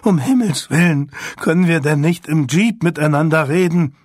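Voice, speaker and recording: A man voicing a frightened, blustering man at gunpoint in an audiobook, his voice shrill and breaking as he pleads. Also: normal speed, a little mellow, no room sound, clean studio sound, close to an everyday voice. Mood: shrill fear.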